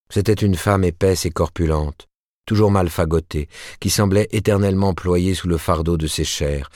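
A man reading a novel aloud as narrator, in a measured literary style. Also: rumbling low, darkish tone, dry recording, clean studio sound. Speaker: audiobook reader. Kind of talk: scripted narration.

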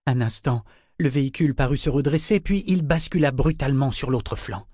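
Male audiobook reader, measured, mid-pitched, dry studio sound. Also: warm tone, no room sound. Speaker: audiobook narrator. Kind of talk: scripted fantasy narration.

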